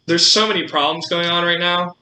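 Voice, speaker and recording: Very bright-voiced young man, rambling chat. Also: high voice, steady tone, brisk. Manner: rambling, many fillers and restarts. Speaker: podcast co-host. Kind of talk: casual chat. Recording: roomy room with faint noise.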